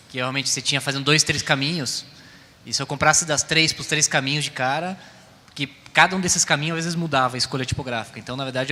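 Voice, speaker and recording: A man's voice: a little high, bright, forceful tone. A man with a Brazilian accent talking informally as a panelist in a discussion. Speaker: panelist, type consultant. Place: round table in a reverberant hall. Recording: echoey hall, faint ambient noise.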